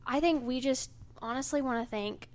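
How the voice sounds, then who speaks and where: Casting: young woman co-host, slightly high voice, giggly and quieter. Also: normal speed. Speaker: podcast co-host, salon owner. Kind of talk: casual chat.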